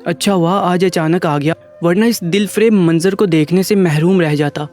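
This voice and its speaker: A playful young husband with a teasing, murmuring tone, voiced by a man reading the story. The voice sits a little high for a man. Soft music runs faintly underneath. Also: lightly acted.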